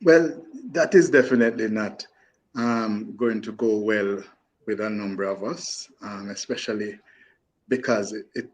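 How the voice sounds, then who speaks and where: A man's voice: medium pitch, a little mellow. A man calling in to a radio talk show, speaking emphatically and stumbling over restarts, his voice coming through a fuzzy, distorted phone line. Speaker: call-in guest. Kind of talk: opinionated radio call-in.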